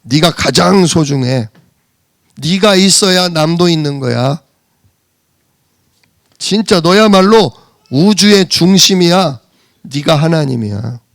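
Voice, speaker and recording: A preacher voicing a coaxing tempter devil. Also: male voice, fairly high pitch, expressive, slow, long pauses, dry recording, clean studio sound, exaggerated voice. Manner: smooth persuasive coaxing.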